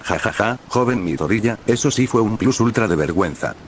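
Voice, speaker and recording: Man doing a hearty older male hero mentor, jovial, low voice. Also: lively intonation, moderate pace, a little hiss or hum, lightly acted. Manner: hearty, laughing.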